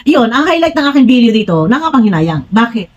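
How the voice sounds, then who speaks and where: Fast-talking and sing-song, with a fairly high pitch, this woman comes through on dull audio. Her casual vlog comments on online personalities; she's blunt and frank with her viewers, says she gets straight to the point, and rambles through frequent restarts.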